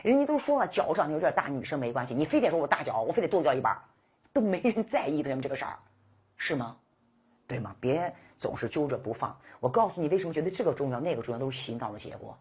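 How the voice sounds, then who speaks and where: Husky low-voiced woman lecturing a class. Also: fast, dull audio. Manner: lively, rhetorical questions, scolding and coaxing the class. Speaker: English exam-prep teacher.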